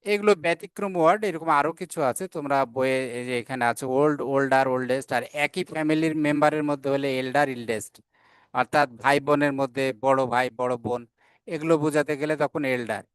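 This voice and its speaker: A man's voice: a little high, clean tone, no room sound. A man teaching an English grammar lesson, explaining patiently and spelling out words and key terms. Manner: reads English examples at a slow, careful pace.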